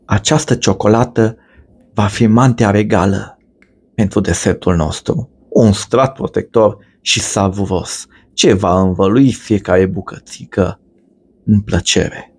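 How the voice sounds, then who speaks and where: A man giving a measured, ornate, scripted voice-over for a cooking video. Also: fairly low pitch, darkish tone, slightly rough. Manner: measured, ornate storytelling delivery. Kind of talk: scripted poetic voice-over narration.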